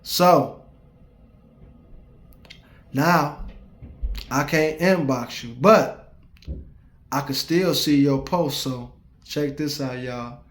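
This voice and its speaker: A man in his forties telling a story straight to his viewers, profane and animated. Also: mid-range voice, extremely slow, pauses often, roomy sound. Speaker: vlogger. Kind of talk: casual storytelling rant to viewers.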